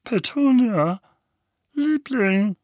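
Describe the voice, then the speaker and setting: Storybook bully uncle, purple-faced and yelling, high strained shouts, read by a man. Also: big pitch swings, a little slow, dry recording, studio quality, full character voice. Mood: frightened. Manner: bellowing, furious. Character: bullying, red-faced middle-aged uncle.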